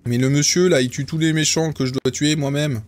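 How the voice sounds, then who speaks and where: A man's voice: fairly high pitch, steady tone, a little fast, a little mellow. A man chatting casually and joking around while he streams himself playing an online game. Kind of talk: casual gameplay commentary.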